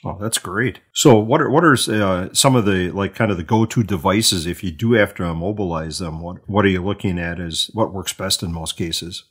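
Deep, husky male host. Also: moderate pace, hardly any pauses, a bit bright. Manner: hesitant, many "you know"s. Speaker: podcast host. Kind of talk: interview questions.

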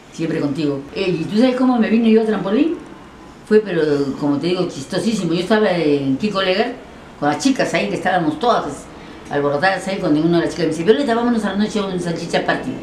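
Fast-talking older woman, echoey room. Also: low-pitched. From Peru. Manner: lively, acts out voices in her anecdotes. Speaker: interviewee, former TV presenter. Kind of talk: animated storytelling interview. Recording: echoey room with audible background noise.

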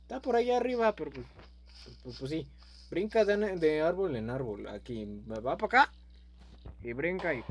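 A young man giving playful, goofy let's-play commentary, breaking into sudden yells and silly meowing. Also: a little high, very animated, normal speed. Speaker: gaming youtuber.

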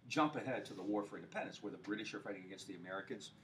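Low-voiced male professor lecturing from afar. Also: very fast, a bit bright. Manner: loose, joking lecture style with many fillers and rhetorical questions. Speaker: history professor. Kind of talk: university lecture. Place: lecture hall. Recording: far-off mic with faint hiss.

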